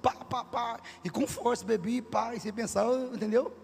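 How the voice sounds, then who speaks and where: A man preaching a testimony sermon, emphatic and sometimes shouting, asking the congregation questions. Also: extremely high pitch, moderate pace, gravelly, breathy edge, long reverb tail.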